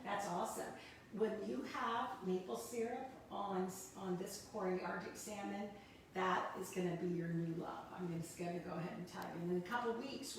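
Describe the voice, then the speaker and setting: A woman's voice: fairly low pitch, far from the mic, a little hiss or hum. Encouraging woman host, echoey room. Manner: upbeat, encouraging, asks leading questions. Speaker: dietitian host of a kids cooking class. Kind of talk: friendly cooking class chat.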